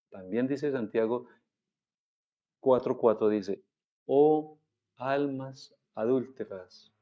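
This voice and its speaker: Slow-preaching man with a dark voice. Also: medium pitch, muffled recording. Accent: Colombian Spanish. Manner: slow, deliberate preaching, stretching scripture quotes. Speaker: pastor. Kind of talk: sermon.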